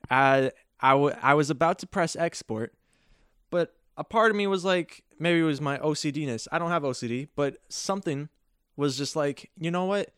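A man's voice: a little high, moderate pace, a bit bright, clean tone, dry recording, studio quality. A man hosting a solo podcast, telling a story casually in a joking, rambling way and often correcting himself. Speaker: podcast host.

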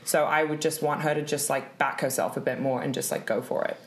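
A woman's voice: rumbling low, fairly even intonation, a little fast. A woman in her late twenties, chatting casually as an interview guest and filling her talk with "like". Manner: chatty, fillers of "like". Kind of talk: casual chat. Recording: roomy echo.

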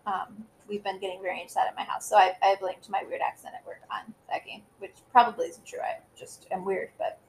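A woman's voice: medium pitch, little pitch movement, fairly quick, creaky, hardly any pauses, slight background noise, rough recording. A woman in her thirties co-hosting a podcast in casual chat, rambling with lots of fillers and giggles. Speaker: podcast co-host.

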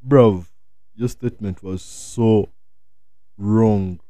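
A young man with a deep, mellow voice chats casually as a guest. He is slow and hesitant, leaning on street slang, and the sound is dry and close. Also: steady tone, no echo. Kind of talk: casual chat.

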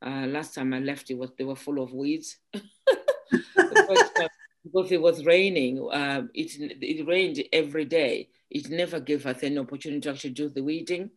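A woman from Zimbabwe, an entrepreneur guest in an interview, who talks haltingly with many restarts and "um"s. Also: low-pitched. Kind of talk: casual interview chat.

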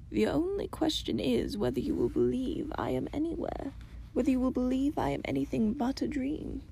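A woman voicing a gentle, wise, very old grandmother in a storybook, speaking in a soft, hushed half-whisper. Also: high voice, gravelly, slight background noise, exaggerated voice, poor audio. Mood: solemn.

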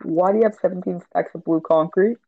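A teenage boy hosting a gaming podcast, chatting casually and teasing his friend in a deadpan way. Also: sits high, quick pace. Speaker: podcast host. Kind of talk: casual chat while gaming. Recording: tinny phone-like line, faint hiss.

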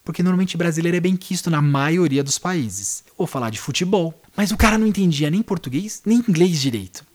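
Um homem brasileiro contando uma história de viagem em conversa descontraída, imitando as falas dos outros com mudanças grandes na voz. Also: male voice, on the high side, a little fast. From Brazil. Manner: animated, acts out dialogue with big shifts in voice. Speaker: storyteller. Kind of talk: casual travel storytelling.

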